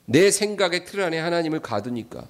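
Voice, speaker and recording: A man's voice: on the high side, very animated, a little fast. A man preaching a weekday sermon as a pastor, emphatic and repetitive, turning often to address the congregation directly. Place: church.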